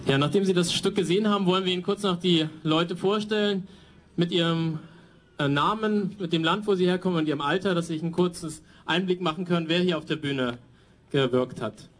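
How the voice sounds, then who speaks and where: Quick, slightly hesitant male announcer. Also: high-pitched. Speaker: presenter introducing the cast. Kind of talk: announcement to an audience. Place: theatre stage after a show.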